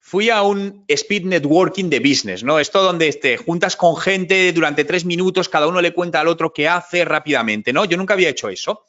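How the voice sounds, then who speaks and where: A man's voice: fairly high pitch, normal speed, hardly any pauses. A man, a guest in a conversational interview who tells stories and acts out what he said to others. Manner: storytelling, animated quotes of himself. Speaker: interview guest, digital marketing expert. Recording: dull lo-fi sound.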